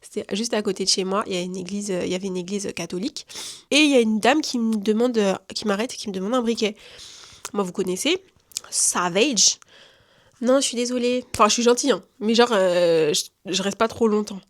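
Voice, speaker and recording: A woman's voice: mid-range voice, brisk. A young woman from France telling a personal story in casual slang, acting out what people said. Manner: chatty, lively slang, acts out quotes. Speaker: vlogger giving testimony.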